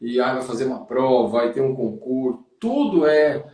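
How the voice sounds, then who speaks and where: A man's voice: mid-range voice, expressive, normal speed, darkish tone, echoey room, distant mic. A man with a Brazilian Portuguese accent, a podcast host and running coach, chatting casually in a motivational, encouraging way. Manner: motivational, addresses listener as "cara".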